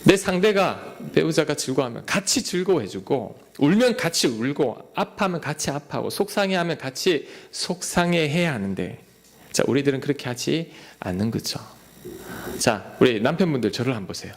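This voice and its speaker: A man's voice: fairly high pitch, sing-song, moderate pace. A man preaching a sermon as pastor, acting out short quoted lines of dialogue.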